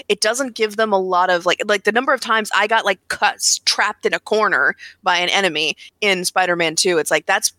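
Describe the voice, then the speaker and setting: A woman talks games on a podcast in a bright, forceful voice. She rushes through thoughts, restarting sentences and dropping "like" all over. The sound is close and dry. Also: fairly low pitch, no echo. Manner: rapid, full of "like" fillers and restarts. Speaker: podcast panelist. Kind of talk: casual chat about video games.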